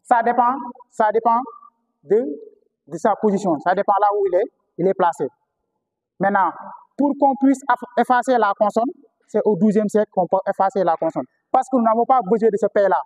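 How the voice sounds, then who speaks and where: A male teacher with a Senegalese French accent lectures a class in a fairly high voice. He repeats key terms and puts questions to the students. The sound carries a long reverb. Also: moderate pace, darkish tone. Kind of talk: classroom lecture on historical phonetics.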